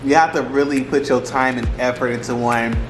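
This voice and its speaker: A man's voice: medium pitch, fairly even intonation, brisk. A man talking casually to camera in slangy, rambling speech, repeating phrases for emphasis as he gives advice. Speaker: vlogger giving relationship advice. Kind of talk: casual mukbang chat to camera. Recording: roomy echo with music behind. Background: music.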